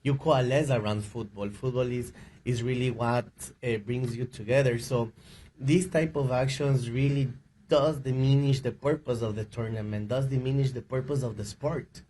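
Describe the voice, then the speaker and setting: A man's voice: mid-range voice, fairly even intonation, normal speed, dark tone, slight background noise. A man from Ecuador speaking as a panelist at a press conference, earnest, with frequent restarts. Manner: earnest, with restarts and repeated words. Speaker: panelist advocate.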